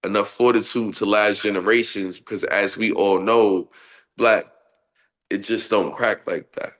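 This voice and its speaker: A poet guest with a fairly low voice, a little slow, sounds stuffy and nasal from a cold. He chats casually in an interview, laughing often and being expressive, then performs spoken-word poetry with rhythmic delivery.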